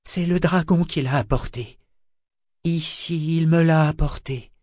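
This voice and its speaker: A man's voice: on the high side, a little slow, darkish tone, dry recording, voice pushed up. A stern pirate captain with a curt, dry way of speaking, as a male narrator plays him. The voice is close and dry, with no room around it.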